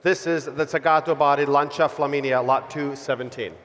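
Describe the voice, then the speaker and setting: A man announcing auction lots, reading scripted descriptions in a formal, measured manner. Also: fairly high pitch, steady tone, a bit bright. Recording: echoey hall with long reverb.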